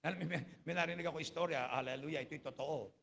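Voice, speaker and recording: Gravelly Filipino pastor preaching. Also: male voice, on the high side, quick pace, a bit bright. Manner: peppers every phrase with hallelujah and amen, mixes English into Filipino. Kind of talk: sermon. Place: church.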